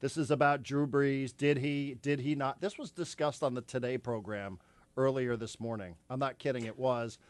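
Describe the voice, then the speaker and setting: A man hosting a sports talk radio show from the studio, talking in an animated, rambling way with lots of repeated words. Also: mid-range voice, normal speed, no room sound. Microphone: studio microphone.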